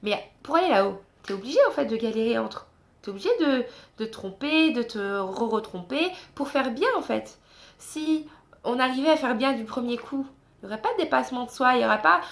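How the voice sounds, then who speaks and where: A woman's voice: on the high side, vocal fry. Chatty young French woman vlogging. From France. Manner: chatty, frequent fillers, encouraging. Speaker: travel vlogger. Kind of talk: casual vlog talk to camera. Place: guest room of a host's home, indoors. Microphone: phone camera.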